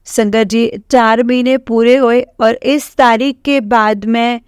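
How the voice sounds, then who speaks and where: A woman's voice: fairly high pitch, fairly even intonation, slow, clear, resonant tone, dry recording, clean studio sound. A woman from Punjab with a Punjabi accent, earnestly and emotionally sharing her devotional testimony with the congregation, repeating her phrases. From Punjab, India.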